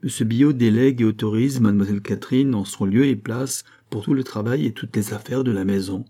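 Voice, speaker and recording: A man's voice: lowish voice, brisk, mellow, close to an everyday voice. A man voicing an earnest young peasant messenger. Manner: earnest, persistent pleading. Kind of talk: audiobook character reading.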